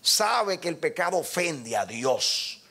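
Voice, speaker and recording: Older pastor guy preaching, raspy gravelly tone, slightly high voice, really animated. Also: slow. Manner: emphatic preaching, directly addressing the congregation. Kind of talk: sermon.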